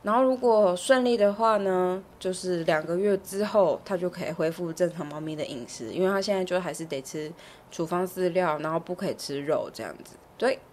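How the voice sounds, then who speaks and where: Podcast co-host: young woman, Taiwanese Mandarin accent, slightly low voice, playful and giggly, casual, faint noise behind. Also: fairly quick, a little mellow. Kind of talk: casual chat.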